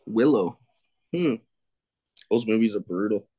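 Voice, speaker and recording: With a lowish, expressive, slightly rough voice and a dark tone, this man speaks at a measured pace with no room sound. He's a film critic on a podcast, chatting loosely, groping aloud for answers, putting himself down, and cursing when he gets stuck.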